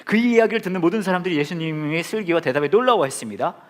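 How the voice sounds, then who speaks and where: A man's voice: high voice, lively intonation, rapid-fire. A man in his forties preaching a playful sermon, joking and acting out scenes with his congregation.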